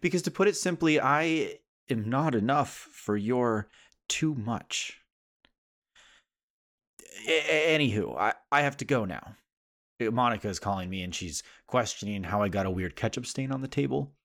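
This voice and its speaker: A man reading a poem in character as a sarcastic adult male sitcom character, rising in pitch on the refrains. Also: lively intonation, moderate pace, a bit bright. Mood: earnest.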